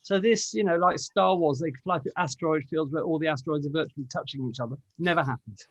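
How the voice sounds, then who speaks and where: A man's voice: fairly high pitch, fast talker, husky, dry recording, muffled recording. A man co-hosting a radio chat, explaining science and joking easily. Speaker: radio show co-host. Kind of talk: casual group chat. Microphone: video call.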